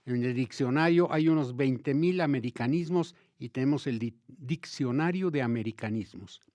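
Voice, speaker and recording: A man's voice: medium pitch, moderate pace, no echo. Emphatic Mexican man explaining Spanish usage. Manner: lively, emphatic, addresses listeners directly. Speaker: host of a language talk show. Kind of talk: conversational explanatory talk.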